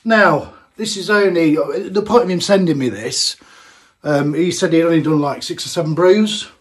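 Speaking at a normal pace in a slightly high voice, a man chats casually while trying a homebrewed beer. He's in a small home brewing room recording a tasting vlog, and his thoughts come out loosely, with plenty of fillers.

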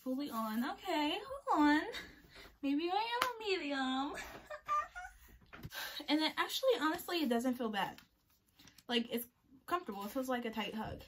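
A woman's voice: high-pitched, moderate pace, pauses often, a little hiss or hum. Chatty, breathless young woman vlogging. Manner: chatty, animated, talks to viewers. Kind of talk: casual product review vlog. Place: home.

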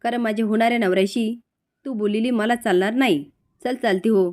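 A woman's voice: fairly high pitch, steady tone, fairly quick, a little mellow, lightly acted. A woman reading as a scheming young bride-to-be. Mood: scornful. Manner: accusing, melodramatic.

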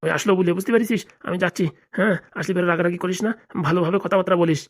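A hot-headed cartoon dad, voiced by a woman, who blusters and threatens. His voice sits low and the words come out in a rapid rush. He talks like a stern older man laying down the law. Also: steady tone, natural voice. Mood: fatherly advice. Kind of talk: cartoon voice acting.

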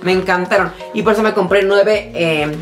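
A woman doing a casual shopping-haul vlog, chatty and excitable, talking straight to her viewers while tired. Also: mid-range voice, normal speed, faint music behind. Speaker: vlogger showing a shopping haul. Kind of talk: casual chatty product show-and-tell.

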